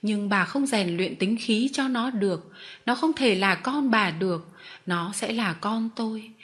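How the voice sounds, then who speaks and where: Voiced by a woman narrator, the stern old master of a travelling performing-dog show speaks firmly in curt, commanding words and expects to be obeyed. His pitch is ordinary and his pace measured, close to an everyday voice.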